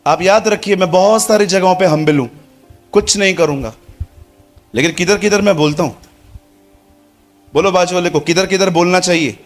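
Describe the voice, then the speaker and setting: A man's voice: sits high, moderate pace, pauses often, soft background music. A man preaching a sermon to a congregation, acting out little dialogues and putting questions to the crowd. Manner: lively, acts out dialogue, addresses congregation.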